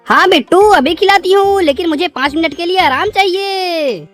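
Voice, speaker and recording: A woman's voice: very high-pitched, moderate pace, a bit bright, soft background music. A woman voicing a kind, doting magical female cat in a cartoon, with a sweet, coaxing, sing-song manner. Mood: reassuring. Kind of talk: cartoon voice acting.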